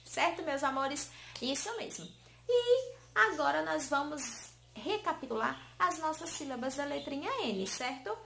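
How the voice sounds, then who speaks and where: A woman teacher giving a lesson to small children, in a sing-song way, stretching key words slowly and coaxing answers with questions. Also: high-pitched, lively intonation, vocal fry, a bit bright, a little hiss or hum. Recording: roomy echo.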